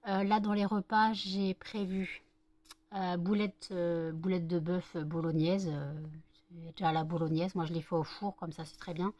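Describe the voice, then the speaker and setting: A woman's voice: fairly low pitch, little pitch movement, moderate pace, a little mellow, no echo. Woman vlogger thinking aloud, dry sound. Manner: rambling, many hesitations, thinking aloud. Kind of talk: casual chat to camera. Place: at home.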